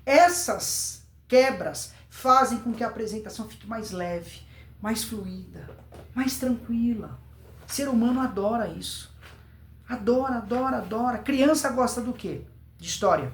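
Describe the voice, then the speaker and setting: A Brazilian man gives an informal public speaking lesson to camera, speaking emphatically, repeating words and answering his own questions. His voice is very high and unhurried. The recording sounds roomy and echoing.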